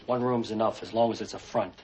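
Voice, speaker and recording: A man's voice: lowish voice, steady tone, quick pace, a little mellow, natural voice. An actor playing a blunt, impatient, insistent tough man in a film drama. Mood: insistent, curt. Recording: noisy film sound.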